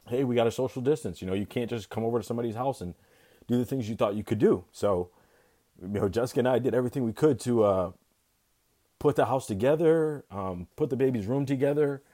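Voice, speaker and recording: A young man, an expectant father, speaking as an interview guest in a candid, reflective way, often halting and restarting his sentences. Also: medium pitch, mellow. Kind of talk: candid personal conversation.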